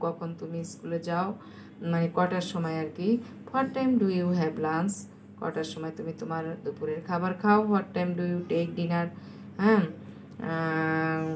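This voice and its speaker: A Bangladeshi woman teacher, a native Bengali speaker, giving a recorded lecture and dictating English sentences slowly so students can write them down. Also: lowish voice, darkish tone, slight background noise.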